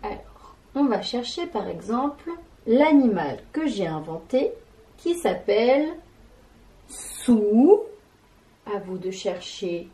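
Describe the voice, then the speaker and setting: A woman gives a classroom lesson at a very slow, careful pace. Her voice is mellow and soft-edged, and she lingers on each syllable and sound as she spells them out. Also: mid-range voice, sing-song, poor audio. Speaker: teacher.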